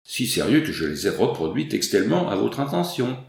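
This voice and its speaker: A man's voice: lowish voice, big pitch swings, brisk, creaky, roomy sound. A man reading an audiobook, voicing a proud, independent young noblewoman with firm, formal composure. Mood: firm, composed.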